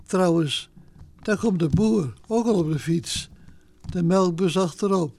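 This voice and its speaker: A woman's voice: on the low side, measured pace, a little mellow, no room sound. Woman doing Tine, a cheeky cow. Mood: eager. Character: daring, cheeky young female cow.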